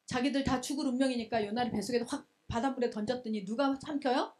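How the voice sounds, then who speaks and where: A woman preacher telling a scripture story to young adults, lively and full of rhetorical questions, in a church. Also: a little high, fast. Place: church hall.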